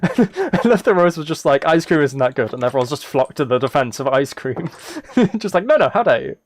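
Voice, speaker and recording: A man with a fairly high voice and wide pitch swings speaks at a brisk pace as a live streamer. He muses aloud to viewers in a casual ramble, frequently restarting phrases, while keys and clicks sound in the background.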